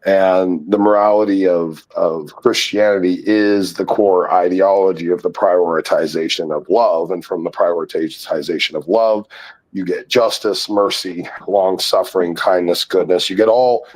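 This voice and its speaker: A man with a very deep, low voice talks bluntly in a casual chat stream. He lectures steadily and doesn't hold back on crude words. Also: fairly even intonation, a little slow, rough recording.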